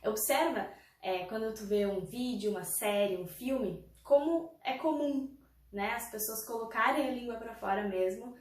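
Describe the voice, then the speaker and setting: A woman's voice: fairly high pitch, moderate pace, darkish tone. Woman teacher, patient drills, voice heard from across an echoey room. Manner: patient, explains with repeated examples and frequent "tá?" check-ins. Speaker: English teacher. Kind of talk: pronunciation lesson. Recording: roomy, from a distance.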